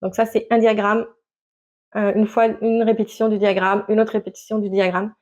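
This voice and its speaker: A woman's voice: mid-range voice, flat delivery, moderate pace, darkish tone. A woman chatting casually to camera about her knitting, hesitant with many fillers and restarts. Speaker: knitting vlogger. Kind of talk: casual show-and-tell chat to camera.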